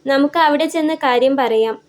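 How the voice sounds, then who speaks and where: A woman reading the lines of a calm, helpful adult male auto-rickshaw driver in a story, talking in a reassuring, questioning way. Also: sits high, normal speed, close to an everyday voice.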